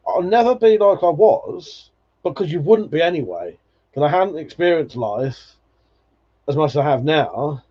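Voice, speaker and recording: A man in his forties hosts a live stream, chatting casually and nostalgically, swearing freely and laughing often as he reads viewer comments. His voice sits a little high and is very animated, with a breathy edge and a normal speed. The stream audio is dull and lo-fi.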